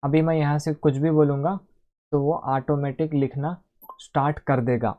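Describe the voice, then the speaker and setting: A man's voice: a little high, level tone, normal speed, narrow, tinny audio. A man hosting a casual screen-recorded computer tutorial, chatting to viewers as friends and talking through each step aloud. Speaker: tech tutorial host.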